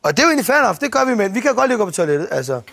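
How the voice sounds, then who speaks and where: A man doing stand-up storytelling on stage, animated and swearing freely as he acts out scenes with shouts and sound effects. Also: high-pitched, creaky. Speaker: stand-up comedian. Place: stage before a live audience. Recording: TV broadcast with audience noise. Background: audience laughter.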